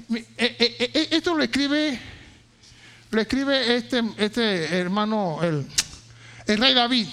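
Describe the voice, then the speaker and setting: A male pastor preaching a sermon, telling a personal story that climbs into shouted praise. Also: extremely high pitch. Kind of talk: sermon with testimony.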